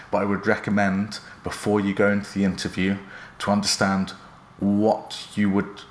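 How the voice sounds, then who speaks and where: Low-pitched man giving advice in an echoey room. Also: slight background noise. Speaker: presenter giving job interview advice. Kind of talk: instructional talk, explanatory advice. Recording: roomy echo around the voice.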